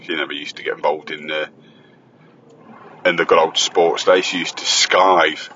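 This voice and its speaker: A man's voice: a bass voice, steady tone, normal speed, bright, forceful tone, muffled recording, slight background noise. A man chatting and joking as he hosts his own school-run recording from the car, teasing and bantering. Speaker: host and father on the school run. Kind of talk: casual chat while driving. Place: inside a car on the road. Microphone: phone voice recorder.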